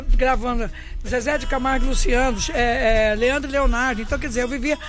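An older woman with a Brazilian Portuguese accent, a songwriter guest telling animated stories in a casual radio interview. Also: high voice. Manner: talkative, animated storyteller.

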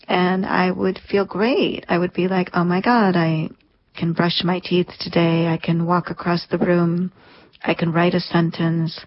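Husky-voiced woman telling her story. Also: on the low side. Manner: earnest, reflective storytelling. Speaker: interview guest. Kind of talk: personal story in an interview. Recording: lo-fi dull sound.

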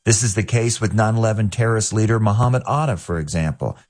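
A man hosting a daily radio commentary, measured and pointed, with rhetorical questions. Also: fairly low pitch, a little mellow.

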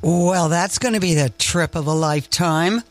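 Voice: mid-range voice, moderate pace, soft background music. A radio host from Nova Scotia with a Maritime Canadian accent, chatting casually and effusively in a folksy way, live on air.

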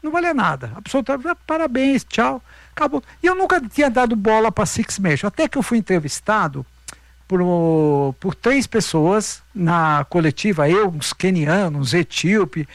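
A middle-aged man with a Brazilian accent and a fairly high voice, recorded without echo, tells anecdotes as a guest in a casual interview. He's a veteran marathon runner who speaks emphatically and repeats himself.

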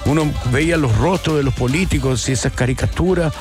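A man's voice: mid-range voice, fairly quick, darkish tone, soft background music. A man in his forties with a Chilean accent, telling his story as a musician in a casual interview, rambling and reflective, restarting often. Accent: Chilean Spanish. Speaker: musician guest.

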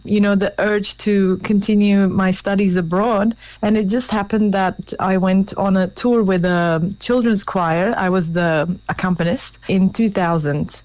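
A woman from Lebanon, an interview guest speaking over the phone, thoughtful and halting with small restarts. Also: medium pitch, a little mellow, no room sound. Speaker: interview guest, jazz pianist. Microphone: telephone line. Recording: dull dry phone line.

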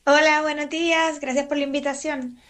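A woman's voice: sits high, fairly even intonation, normal speed, fairly bright tone. A woman from Puerto Rico with a Puerto Rican Spanish accent, a guest composer in a radio interview, thoughtful with many fillers and restarts.

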